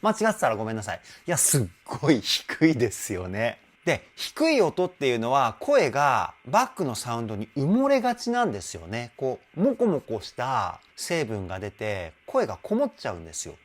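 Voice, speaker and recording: Lively, animated male vocal coach. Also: mid-range voice, fairly quick, few pauses. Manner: enthusiastic, explains with sung demonstrations. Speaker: vocal trainer. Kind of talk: vocal analysis commentary.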